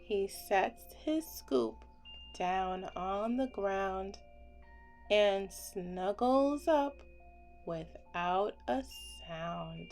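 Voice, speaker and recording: With soft music playing behind her, a woman reads a children's picture book aloud as a bedtime story. Her mid-range voice is creaky, gentle and expressive, and she phrases each line deliberately.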